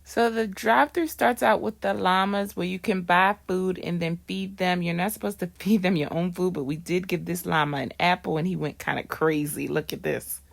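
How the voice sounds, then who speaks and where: A woman's voice: on the low side, fairly even intonation, moderate pace, gravelly, few pauses. A woman with a Baltimore accent, chatting casually as she narrates a zoo tour, with frequent ums and laughs. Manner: chatty, laughs often, fillers like um. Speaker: vlogger.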